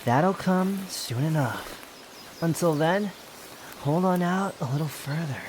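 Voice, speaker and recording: A man playing a sharp-tongued, haughty, youthful-looking immortal wanderer in a roleplay audio drama, speaking in a sardonic, theatrical, teasing way. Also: fairly high pitch, slow pace, noisy background. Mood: exasperated, scolding. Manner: sardonic, scolding, theatrical delivery with sighs.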